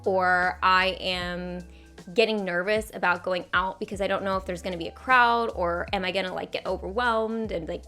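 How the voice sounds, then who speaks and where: A woman's voice: fairly low pitch, fairly even intonation, moderate pace, bright, forceful tone, soft background music. A young woman vlogger talking casually to camera about books she has read, often saying "like". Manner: chatty, frequent "like" fillers.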